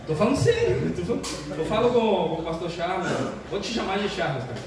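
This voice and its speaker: An older man, a pastor, opening his sermon with jokes in a chatty, animated way. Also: sits high, fast talker, a crowd in the background. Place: church sanctuary. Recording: echoey church hall, distant mic, room noise.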